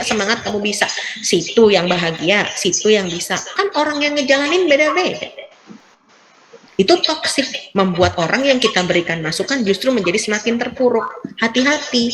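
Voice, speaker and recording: Lively woman talking to a crowd. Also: fairly high pitch, low-quality recording. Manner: lively, acts out quoted voices, laughs often. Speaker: psychiatrist. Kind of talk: motivational talk to an audience.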